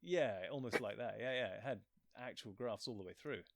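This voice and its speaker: Speaking fairly quickly at a medium pitch, this man is a physicist and author being interviewed in a relaxed chat. He wanders from point to point, downplays himself, and frequently cuts off his own sentences.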